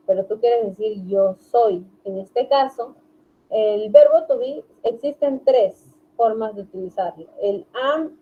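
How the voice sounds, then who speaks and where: A woman teacher explains grammar at an unhurried, deliberate pace, her voice sitting a little high. She keeps checking that students follow and reads example sentences slowly. The sound is thin and phone-like, as from an online class. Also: slight background noise. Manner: patient, checks understanding with repeated "¿sí?". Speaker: English teacher.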